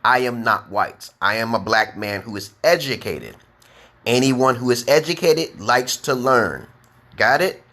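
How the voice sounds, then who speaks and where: An American man with a New York accent teaches beginner English in a slow, deliberate live-stream lesson. His medium-pitched voice has a sharp tone, and he draws words out emphatically, repeating letters and checking in with "okay?".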